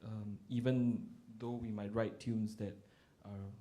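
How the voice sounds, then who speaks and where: A man moderating a panel, asking questions politely with some halting restarts. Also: lowish voice, level tone, dark tone.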